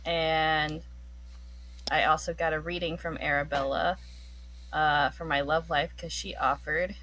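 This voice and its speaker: Joking woman with a bright, low voice. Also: poor audio. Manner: animated, joking, quick to laugh. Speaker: player. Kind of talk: casual tabletop game chat.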